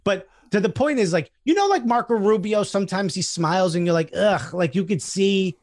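A male comedian talking as a podcast guest, telling animated stories, swearing freely and acting out quoted voices. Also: sits high, normal speed, dry recording. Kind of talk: casual chat.

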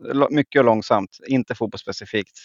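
A man's voice: mid-range voice, dry recording. A man talking as a podcast guest in casual chat, with dry self-deprecating humor. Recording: slightly dull dry sound.

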